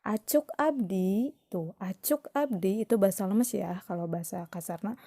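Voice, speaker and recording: A woman with a Sundanese accent teaching a recorded lesson to children, patient and slow, raising her voice for the example words. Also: medium pitch, dark tone, dry recording.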